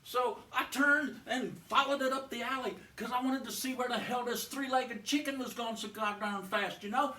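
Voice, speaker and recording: A man's voice: extremely high pitch, moderate pace, few pauses, sharp tone. A man telling a long comic joke in a folksy, meandering way, full of restarts and fillers. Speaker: comedian. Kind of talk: rambling joke storytelling. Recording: roomy, distant mic, faint ambience.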